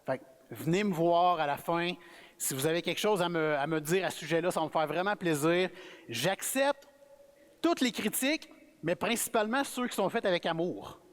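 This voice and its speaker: High-voiced Québécois preacher in a reverberant church. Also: male voice, moderate pace. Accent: Québécois French. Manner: relaxed, friendly, self-effacing. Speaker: guest preacher. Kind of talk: conversational sermon. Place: church sanctuary.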